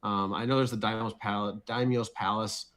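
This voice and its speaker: Man, lowish pitch, casual, rambling, lots of fillers. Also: fairly even intonation, moderate pace, fairly bright tone. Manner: rambling, many fillers and restarts. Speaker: deckbuilding contestant. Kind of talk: casual chat.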